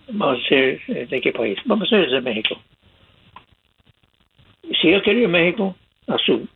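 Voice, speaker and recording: This raspy older man, a guest on a casual radio advice show about immigration, comes through a tinny phone line. He's from California, with a mid-range voice, and he speaks plainly, laughing as he tells his stories.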